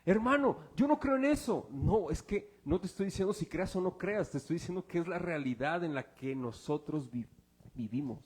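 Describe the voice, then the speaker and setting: Preacher guy, asks the crowd questions all the time, gets loud then quiet, slightly high voice. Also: moderate pace, husky. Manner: rhetorical questions, swings between loud and hushed. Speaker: pastor. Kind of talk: sermon.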